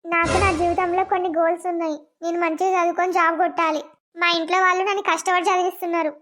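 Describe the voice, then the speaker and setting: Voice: extremely high pitch, level tone, very fast, fairly bright tone. A voice actor playing a cold, determined young village woman in a cartoon, speaking firmly with a Telangana accent. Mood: stern. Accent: Telangana Telugu. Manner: stern, firm.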